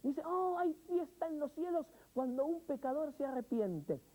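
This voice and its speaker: A man's voice: extremely high pitch, lively intonation, normal speed, warm tone, rough recording. A male pastor preaching a sermon, speaking expressively, asking the listener questions and telling everyday stories. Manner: storytelling with everyday examples.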